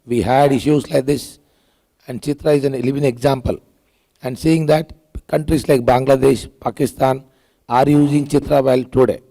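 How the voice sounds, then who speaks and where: A hoarse man with an Indian English accent, a cardiac surgeon speaking haltingly on a conference panel. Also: medium pitch, steady tone, dark tone. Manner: halting, with many filler pauses. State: hoarse, lost his voice.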